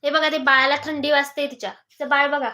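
A young woman hosting a phone live stream coaxes her toddler in sing-song baby talk and greets viewers. Her voice is high-pitched and brisk, with a level, sharp tone.

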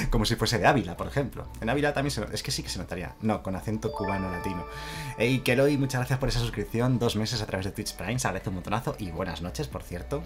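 A man's voice: on the low side, expressive, fast, soft background music. A man streaming a card game live, chatting casually, greeting viewers by name and laughing often.

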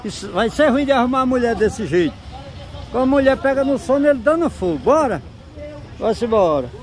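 An amateur vlogger from the interior of Pernambuco, Brazil, films a street market from behind his handheld phone, chatting casually and teasingly in a Northeastern Brazilian accent full of slangy exclamations. His voice is extremely high, brisk, and lively in intonation. Crowd noise, vehicles, and street sounds fill the outdoor market and town streets around him.

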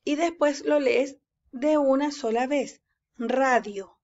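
A woman teaches young children to read at a very slow, careful pace. She draws words out syllable by syllable and says each one patiently. Her voice sits a little high, and the recording sounds dull and lo-fi. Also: a little mellow. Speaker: first-grade teacher. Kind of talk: reading lesson for young children.

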